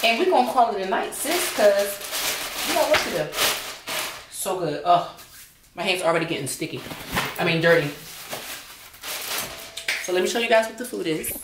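In a distant, roomy indoor recording with a noisy background, a young woman vlogs casually at home over a meal, now and then with her mouth full. Her medium-pitched voice is animated and fairly quick, broken by long pauses.

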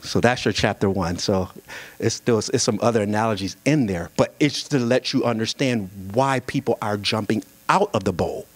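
Lowish in pitch and at normal speed, a young man addresses a singles conference from a church pulpit using a handheld mic. His story comes with humor in a sermon-like style, lively, animated and full of jokes with the crowd.

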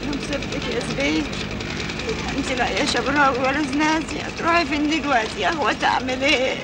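A lost village girl, high and fast. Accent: Egyptian Arabic. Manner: pleading, wailing. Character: naive young village woman lost in the big city. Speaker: actress in a film. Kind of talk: 1980s Egyptian film acting. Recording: echoey old film soundtrack with noise.

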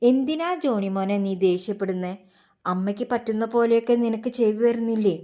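A woman's voice: a little high, fairly quick, dark tone, close to an everyday voice. A woman voicing a widowed mother coaxing and pleading with her teenage son. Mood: hurt.

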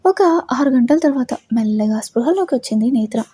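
A woman narrating a romance story in a steady storytelling reading. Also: sits high, a little fast, husky, no echo.

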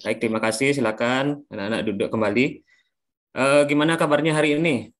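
A man's voice: mid-range voice, fairly quick. Young guy teaching a class, indonesian accent, upbeat, keeps saying ya to check in, normal mid voice. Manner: upbeat, coaxing, checks with "ya" often.

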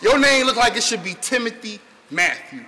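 A man performing live battle rap, delivering brash, taunting punchlines and shouting them at his opponent. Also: extremely high pitch, big pitch swings, moderate pace, slight background noise. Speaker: battle rapper. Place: live battle rap event before an audience. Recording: loud cheering crowd. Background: loud crowd reacting.

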